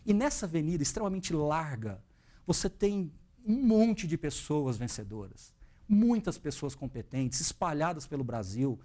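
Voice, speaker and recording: A man's voice: on the high side, normal speed. A man in his thirties from Brazil, a guest speaking earnestly and with animation about his path as an investment educator. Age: 30s. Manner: earnest, animated, quotes his own thoughts. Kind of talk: interview, reflective storytelling.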